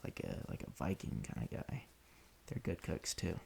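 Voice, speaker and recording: A man casually rambling in an offhand, deadpan way while he plays a video game, often restarting his sentences. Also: a bass voice, moderate pace, gravelly, slight background noise. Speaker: solo podcaster playing a video game.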